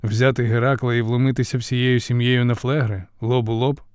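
A man's voice: medium pitch, flat delivery, normal speed, darkish tone, clear, resonant tone, no room sound, clean studio sound, natural voice. A man voicing a blunt, hotheaded male war god questioning his father's plan.

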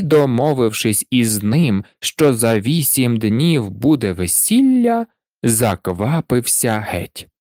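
A storyteller reads a fairy tale slowly and deliberately, with a very lively, rising and falling voice. The recording is close and dry, with no room sound. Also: mid-range voice, no echo. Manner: expressive, unhurried storytelling. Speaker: narrator. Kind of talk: storybook reading.

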